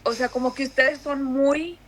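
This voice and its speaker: Chatty Mexican woman, slightly high voice. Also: fairly even intonation, normal speed. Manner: chatty, many fillers and restarts. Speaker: guest. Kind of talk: casual conversation.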